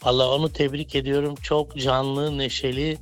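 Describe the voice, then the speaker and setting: A man's voice: medium pitch, flat delivery, normal speed, faint music behind. Middle-aged man calling in by phone. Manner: effusive, chummy praise. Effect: heard over a landline phone line. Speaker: radio show caller. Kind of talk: casual phone-in chat.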